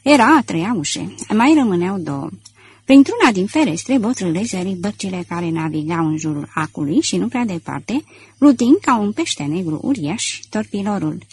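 A woman narrating an audiobook in a steady, measured way. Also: medium pitch, a little hiss or hum. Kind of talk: scripted narration.

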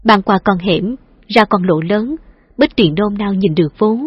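A woman reading an audiobook novel in a calm, even narration. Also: medium pitch, a little slow, husky, no room sound. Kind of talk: storybook narration. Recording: dull lo-fi dry recording.

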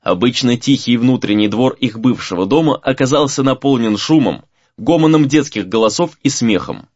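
A man reading a fantasy novel aloud as narrator, in a measured reading with varied emphasis. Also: medium pitch, animated, a little mellow, no echo, dull audio. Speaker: audiobook narrator.

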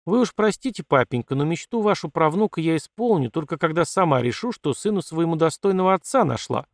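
A man voicing a bold, quick-tongued young woman, a colonel's daughter, in a defiant, mocking manner in a dry recording. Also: a little high, expressive, no room sound, pitched above the performer's own voice. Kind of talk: audiobook character voice.

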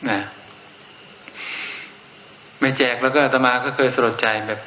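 A man's voice: medium pitch, steady tone, a little slow, sharp tone. A man, a Buddhist monk, giving an informal Dharma talk in a blunt, outspoken way. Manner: blunt and outspoken, with frank everyday speech. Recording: echoey room with faint noise.

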